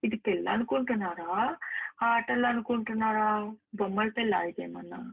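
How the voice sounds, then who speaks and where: Over a phone line, an actress argues in a heated private call, her medium-pitched voice gravelly with a breathy edge and fairly quick. She is emphatic and repetitive, scolding the person on the other end, and the recording sounds narrow and tinny.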